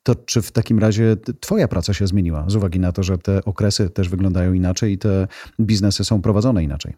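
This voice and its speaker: A man's voice: sits low, quick pace, dark tone, no echo, clean studio sound. A man hosting a podcast, asking thoughtful questions and closing the show. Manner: brief affirmations, thoughtful questions. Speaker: podcast host. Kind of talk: interview and outro.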